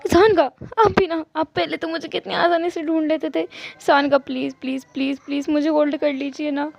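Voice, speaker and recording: A woman voicing a frightened, clingy young man who is scared of the dark, pleading and stammering as he repeats his words. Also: sits high, fairly even intonation, normal speed, vocal fry. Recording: muffled lo-fi recording.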